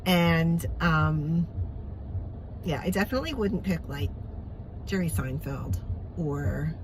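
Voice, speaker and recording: A woman from Long Island with a Long Island accent, rambling warmly through a video message to a friend with many pauses and fillers. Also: deep voice, background noise. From Long Island, New York.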